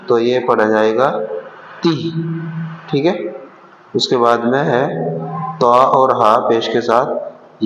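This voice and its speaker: A man's voice: mid-range voice, fairly bright tone, a little hiss or hum. A man teaching letters patiently, sounding out each syllable and saying it again. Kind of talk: slow alphabet lesson. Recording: echoey room, long reverb.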